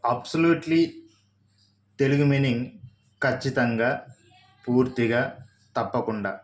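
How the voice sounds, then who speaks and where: A man with a Telugu accent teaching English vocabulary, reading out each word, spelling it letter by letter and giving its meanings. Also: medium pitch. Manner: spells words out letter by letter, slowly. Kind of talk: slow vocabulary lesson.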